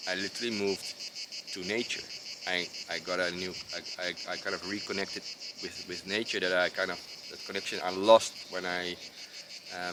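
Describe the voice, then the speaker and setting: A Dutch man from the Netherlands, a designer, talks about his approach outdoors in rural mountains. His deep, low voice moves slowly and unevenly, and he speaks casually but hesitantly, with many fillers, pauses and restarted sentences. Crickets and insects chirp clearly around him amid background noise.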